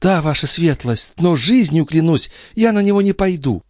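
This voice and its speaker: A sly young maid pleads and flatters in a voice pushed far up, as a male narrator puts her on. The sound is close and dry, with lively swings of pitch. She begs and coaxes with feigned despair. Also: moderate pace, no echo, close to an everyday voice. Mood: pleading. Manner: pleading, coaxing. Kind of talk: audiobook character voice.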